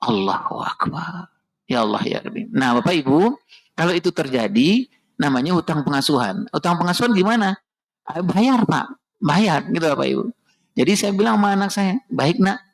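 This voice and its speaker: A middle-aged man delivers a heartfelt storytelling sermon on parenting in a mosque. His voice is gravelly and sits slightly high. He keeps drawing the congregation in by addressing them directly. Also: big pitch swings, fairly quick. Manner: emotional, addresses the audience directly and often. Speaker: parenting speaker at a mosque study session.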